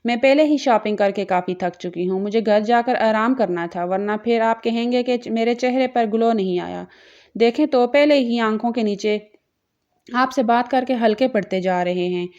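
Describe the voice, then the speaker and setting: A woman's voice: on the high side, a little mellow, lo-fi sound, natural voice. A woman voicing an anxious young bride-to-be who pleads hesitantly, read plainly for a storybook. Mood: teasing.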